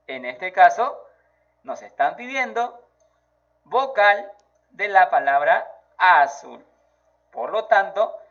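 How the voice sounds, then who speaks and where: Slow, lively high-voiced male teacher. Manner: slow, encouraging, praising the child. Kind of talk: math lesson for children. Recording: dull lo-fi audio.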